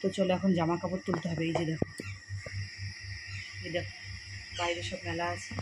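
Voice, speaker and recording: Soft-spoken woman vlogging at home. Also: fairly low pitch, flat delivery, fairly quick. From India. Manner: chatty, keeps checking in with viewers; talking softly to keep a sleeping child undisturbed. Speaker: family vlogger. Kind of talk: casual vlog chat to viewers. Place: at home, on a balcony outdoors. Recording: noisy home ambience with birds.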